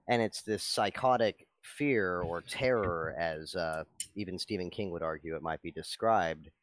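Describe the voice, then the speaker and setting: A man with a very deep voice talks fluently and analytically in a casual chat. The sound is dry and close, with no room echo.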